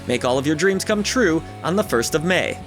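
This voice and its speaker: Upbeat guy reading a game news roundup, cracks jokes, fairly high voice, soft music behind. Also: animated, normal speed. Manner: upbeat and jokey, with playful asides. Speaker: gaming channel host. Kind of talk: scripted game-release roundup narration. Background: background music.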